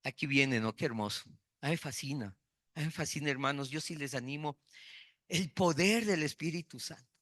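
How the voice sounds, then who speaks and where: A man's voice: on the high side, sharp tone, no room sound, clean studio sound. A man preaching a sermon, repeating key words for emphasis and telling personal stories.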